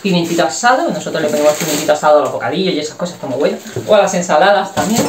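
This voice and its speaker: A Spanish woman talks quickly and bluntly as she unpacks groceries for her vlog. Her voice bounces around a roomy kitchen with clear background noise underneath. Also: low-pitched, animated, far from the mic. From Spain. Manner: chatty, blunt, unpacking groceries while talking. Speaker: vlogger. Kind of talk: casual home vlog chat. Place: home kitchen.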